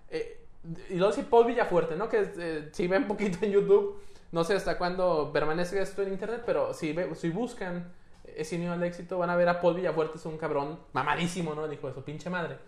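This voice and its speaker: A man's voice: high voice, brisk. A man with a central Mexican accent, hosting a casual chat, joking and full of slang. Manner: joking, animated, peppered with slang. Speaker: podcast host. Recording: roomy echo.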